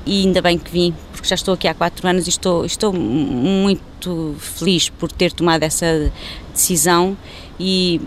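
A woman in her fifties from Angola, talking reflectively in an interview and pausing on fillers. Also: on the low side, slight background noise. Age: 50s. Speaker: interviewee, newspaper editor.

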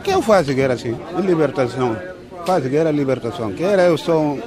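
A man's voice: fairly high pitch, expressive, a little fast. A man, a bicycle repairer answering street interview questions plainly, often asking "não é?". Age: 60s. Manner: plain-spoken, repetitive, often asks "não é?". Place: busy outdoor market. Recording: loud market crowd behind.

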